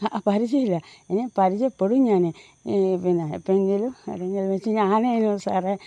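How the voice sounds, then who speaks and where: In a warm, mid-range voice on a dry recording, the woman in her fifties from Mahe, Puducherry, chats with a Mahe Malayalam accent. As a vlogger and home tutor, she rambles loosely into her phone on an early-morning walk outdoors, with plenty of restarts and fillers.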